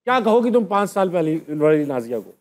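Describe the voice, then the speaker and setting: A man hosting a comedy talk show, teasing his guests with quick quips and wordplay. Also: sits high, sing-song. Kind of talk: joking studio chat. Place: television studio with live audience.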